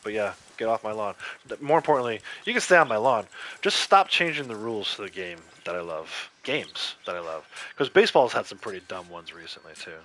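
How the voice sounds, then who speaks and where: A man's voice: on the low side, lively intonation, fairly quick, sharp tone. A man streaming a game, chatting casually and opinionated, rambling with lots of fillers. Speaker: gaming streamer. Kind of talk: casual livestream chat while playing.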